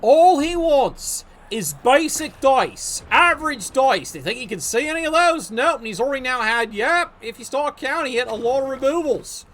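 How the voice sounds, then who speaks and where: High, lively sarcastic male commentator. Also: normal speed, hardly any pauses. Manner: sarcastic, profane, joking. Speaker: league match commentator. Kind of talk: video game match commentary.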